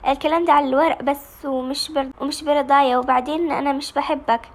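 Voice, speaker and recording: A woman's voice: high-pitched, steady tone, quick pace, lightly acted. A woman with an Egyptian Arabic accent voicing a defiant young village woman who pushes a man away, indignant. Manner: indignant, rejecting.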